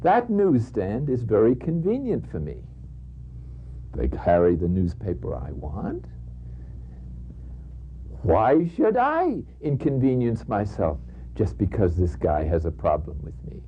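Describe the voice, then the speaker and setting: A man voicing a calm, unbothered commuter who soothes his upset friend in a low, hushed voice. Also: measured pace, pauses often, muffled recording, a little hiss or hum.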